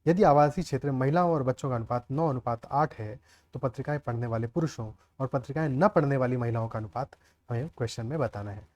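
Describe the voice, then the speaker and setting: A man's voice: mid-range voice, fast, darkish tone. A man teaching a maths lesson step by step, often checking with the class whether they follow. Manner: explains aloud, often checks the class with "clear?" and "okay".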